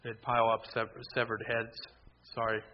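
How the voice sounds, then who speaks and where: A man preaches a sermon in a loud, conversational, mid-range voice at a moderate pace, keeping to a narrow, flat line that jumps up in emphatic bursts. The recording sounds slightly dull, with faint noise behind him.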